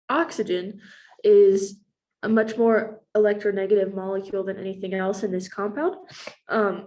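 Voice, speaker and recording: A woman's voice: mid-range voice, darkish tone. A young adult woman who has a cold, giving a recorded class presentation as a chemistry student, explaining steadily with frequent ums.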